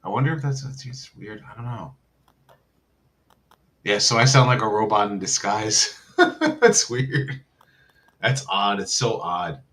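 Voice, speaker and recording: A man's voice: on the low side, unhurried, long pauses, fairly bright tone. A man chatting on a live stream over a laggy video call, his voice coming through robotic and dragging, with hesitant, stammering restarts. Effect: glitchy, robotic-sounding video call audio that drags and freezes. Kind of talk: casual live-stream chat. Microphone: computer mic over an internet video call.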